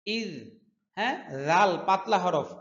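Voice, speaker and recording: High-voiced man teaching recitation slowly. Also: fairly bright tone, reverberant. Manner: corrects pronunciation, drawls recited words slowly. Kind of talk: online tajweed lesson, reciting and explaining. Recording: dull lo-fi recording.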